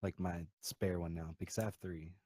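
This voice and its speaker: A man playing in a tabletop game, asking hesitant, halting questions. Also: deep voice, level tone, dark tone, dry recording. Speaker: player.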